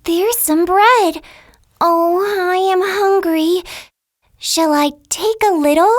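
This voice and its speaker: A woman voicing a gentle young princess who speaks politely and wide-eyed. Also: very high voice, slow, no echo, studio quality.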